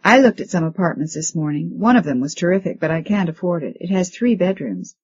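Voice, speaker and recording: A woman's voice: fairly low pitch, animated, a little fast, slightly rough, dull audio. Woman reading as Paige, a friendly self-assured young doctor. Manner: friendly, practical.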